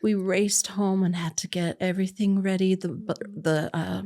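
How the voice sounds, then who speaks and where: An adoptive mother appears as a podcast guest, telling her own story in conversation and vividly acting out what other people said. Her voice is medium-pitched and mellow, with a steady tone and moderate pace.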